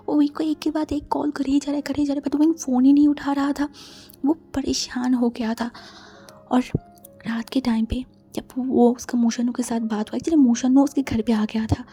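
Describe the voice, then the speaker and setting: A woman casually retelling a fan-fiction story, often in a soft half-whisper. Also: high voice, slightly rough. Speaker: story narrator.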